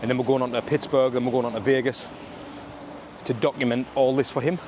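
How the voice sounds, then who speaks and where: Male travel vlogger, Sunderland accent, colloquial and matey, mid-pitched, walking outdoors with some traffic noise behind. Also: steady tone, fairly quick. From Sunderland, north-east England. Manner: colloquial, matey, full of regional slang. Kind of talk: casual walking vlog chat to camera. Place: outdoors on a suburban street in the rain.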